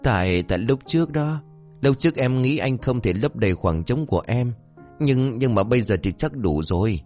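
A man's voice: medium pitch, lively intonation, normal speed, darkish tone, faint music behind, voice pushed up, close to an everyday voice. A man voicing a shy young village girl who teases her suitor, starting out hesitant and stammering. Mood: coy.

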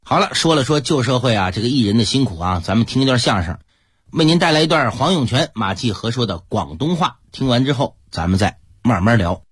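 A male radio host with a rough, husky voice narrates with a lively rise and fall. The sound is close and dry, with no room around it. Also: mid-range voice, fairly quick, dry recording.

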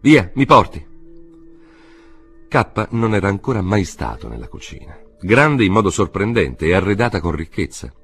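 A man narrating a literary novel as an audiobook, in a measured, expressive reading. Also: sits low, creaky, soft background music.

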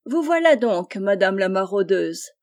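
A woman voicing a polite, noble young peasant hero who speaks in a measured, slightly lofty way. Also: mid-range voice, big pitch swings. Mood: scornful.

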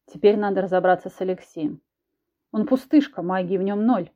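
A woman's voice: mid-range voice, brisk, warm tone, dull audio, lightly acted. A woman voicing a blunt, commanding man who was once a cat, in an audiobook. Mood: stern. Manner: curt, commanding.

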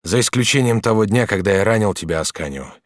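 A man reading an audiobook, voicing a noble, grieving older master artist who speaks in halting, broken phrases. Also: fairly low pitch, animated, dry recording, studio quality, lightly acted. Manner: halting, broken, restrained sorrow.

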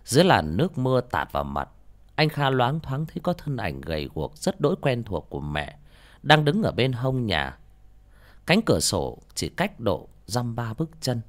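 Man narrating horror, very expressive. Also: medium pitch, moderate pace. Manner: dramatic, expressive.

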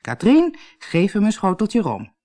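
Old baron in a storybook, read by a woman: firm, commanding, lively in tone. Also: mid-range voice, a little slow, pitched above the performer's own voice. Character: stern old male baron.

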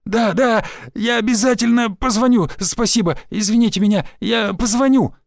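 Man doing a shrill panicky pawnbroker. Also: moderate pace, no echo, studio quality. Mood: sobbing. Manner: squealing, panicked pleading. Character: nervous middle-aged male pawnbroker, shrill and whiny.

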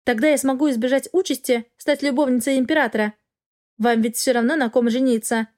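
A woman's voice: high-pitched, steady tone, a little fast, a little mellow, close to an everyday voice. A woman voicing an arrogant young noblewoman in an audiobook, haughty and demanding. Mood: brazen. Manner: haughty, rising to shrieks. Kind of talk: audiobook character voice.

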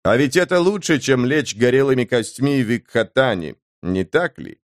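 A man voicing a stern male assassin who calms the others in a measured way in a fantasy audiobook. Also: mid-range voice, no room sound, studio quality, natural voice.

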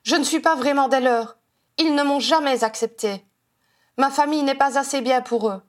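A woman's voice: sits high, expressive, moderate pace, voice pushed up. A woman reader voicing a strident, resentful young wife who accuses everyone around her. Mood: bitter, shrill. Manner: accusing, bitter, defensive.

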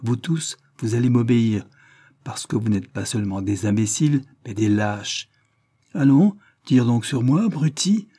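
A man's voice: medium pitch, measured pace, lightly acted. A man voicing a mocking, domineering male detective who barks curt threats at a crowd. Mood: contemptuous. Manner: sharp, curt and jeering, barking threats.

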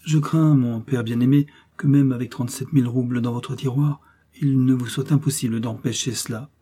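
A man's voice: medium pitch, fairly even intonation, moderate pace, dark tone, husky, natural voice. Nadia, a cool reserved young princess, read by a man. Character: proud calm young princess, woman.

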